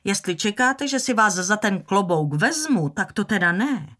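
A woman's voice: medium pitch, animated, voice pushed up. A woman voicing Scarlett, fiery young belle. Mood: indignant. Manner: indignant, rising and loud. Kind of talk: audiobook character voice.

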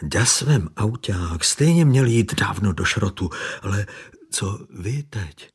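A man voicing a bespectacled man who speaks flatly and stammers when shaken, in an audiobook. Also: lowish voice, husky, full character voice.

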